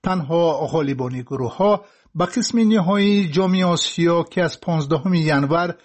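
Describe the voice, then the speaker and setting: A man reading scripted sports news in a formal, measured way. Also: fairly high pitch. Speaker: newsreader.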